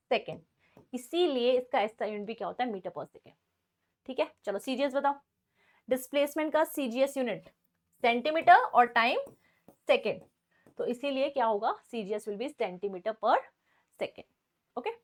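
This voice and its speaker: High-voiced woman physics teacher. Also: animated, normal speed, long pauses. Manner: mixes Hindi and English, keeps checking understanding with questions. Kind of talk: classroom lecture.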